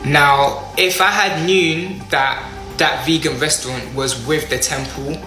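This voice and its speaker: A young British man speaks in a bright, forward voice in a roomy space. His delivery is an earnest, halting statement, with faint music underneath. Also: on the high side, fairly even intonation. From United Kingdom. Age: young adult. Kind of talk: spoken apology statement to camera.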